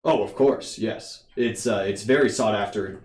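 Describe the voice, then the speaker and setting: A man playing a self-important tournament official in a tabletop game, speaking in a measured, formal, hesitant way. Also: fairly low pitch, darkish tone, natural voice. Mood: hedging, obliging. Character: male tournament official, stuffy, hedging, self-important dignitary. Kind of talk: tabletop role-play. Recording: roomy echo.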